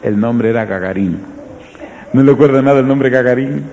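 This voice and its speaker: A man preaching as a pastor, with a mellow, warm tone and a faint hiss of background noise. He tells his sermon as a story and puts direct questions to the congregation. His delivery swings from loud, pressing emphasis down to hushed, quiet lines. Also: medium pitch, moderate pace.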